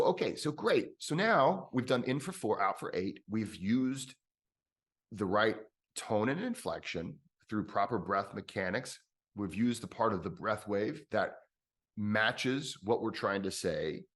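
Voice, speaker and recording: A man coaching on breathwork in a relaxed conversation, thinking out loud with restarts and bursts of emphasis. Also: lowish voice, unhurried. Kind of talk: conversational explanation.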